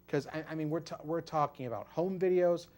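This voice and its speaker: A man's voice: fairly high pitch, fairly quick, a little mellow. Rambling male wrestling podcast co-host. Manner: rambling, repeats words and restarts. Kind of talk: casual wrestling podcast chat.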